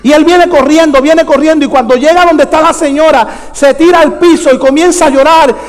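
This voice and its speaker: A Puerto Rican man preaching a storytelling sermon in Spanish with a Puerto Rican accent, dramatically acting out dialogue and bursting into shouts. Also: very high voice, steady tone, fairly quick. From Puerto Rico. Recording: long hall reverb.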